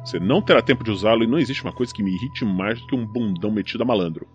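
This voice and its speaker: An actor in a crime audio drama playing a vengeful enforcer, taunting, sardonic and foul-mouthed, speaking deliberately. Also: male voice, on the low side, animated, highs cut off, lightly acted. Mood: cold menace. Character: menacing, vengeful male enforcer avenging his brother. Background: music.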